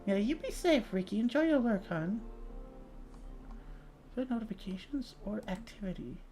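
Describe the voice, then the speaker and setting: A woman's voice: medium pitch, lively intonation, normal speed, dark tone. A young woman VTuber chatting casually on a livestream, reading chat and swearing freely, with light music behind. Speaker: VTuber streamer.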